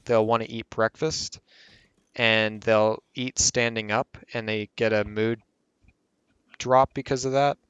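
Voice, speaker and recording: A man's voice: mid-range voice, fairly bright tone, clear, resonant tone, no echo, highs cut off. A man hosting a casual gameplay tutorial who rambles and corrects himself mid-sentence as he explains. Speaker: game tutorial host.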